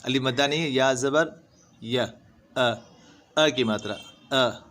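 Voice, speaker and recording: A man teaching Quran reading, spelling each letter and vowel sign, then drawing out the syllables in a slow, patient lesson. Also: medium pitch, fairly bright tone. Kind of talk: step-by-step recitation lesson. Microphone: voice-over over screen recording.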